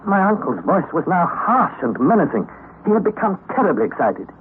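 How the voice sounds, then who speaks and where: Heard through a tinny, faintly hissing old radio recording, a male actor with a fairly high, very animated voice talks briskly. He plays the young nephew who narrates, earnestly and dramatically, a tiring expedition underground.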